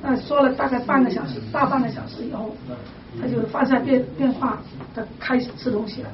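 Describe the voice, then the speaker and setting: Earnest high-voiced woman on a distant, echoey line. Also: fairly even intonation, a little fast, lo-fi sound, crowd noise. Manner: earnest, retells prayers and calls. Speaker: caller. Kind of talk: personal testimony, asking advice.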